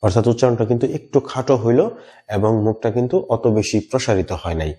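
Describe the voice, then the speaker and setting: Male teacher, warm low voice, patient drills with drawn-out words. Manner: explains slowly, repeats example phrases with long drawn-out words. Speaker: English pronunciation teacher. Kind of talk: online lesson.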